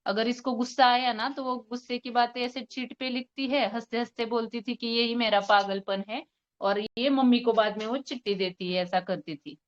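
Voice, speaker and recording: A woman's voice: on the high side, steady tone, a little fast, few pauses, muffled recording. A homeopathic doctor, a woman, presenting a patient case to a forum, retelling the consultation and quoting both sides with hesitant fillers.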